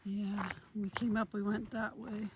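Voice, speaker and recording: A woman's voice: medium pitch, moderate pace, highs cut off. A retired woman in her sixties chatting casually as she walks a nature trail, talking to her viewers. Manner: chatty, relaxed commentary while walking. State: out of breath. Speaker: vlogger. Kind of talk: casual hiking vlog narration. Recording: outdoor phone audio with insect noise.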